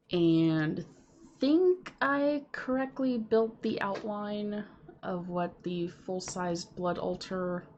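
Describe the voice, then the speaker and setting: Sniffly and nasal from a cold, a female Minecraft streamer chats through her gameplay at home, chatty and apologetic with frequent ums. Her lowish voice is a little mellow, the audio is lo-fi with a bit of hiss or hum, and keyboard and computer noises can be heard.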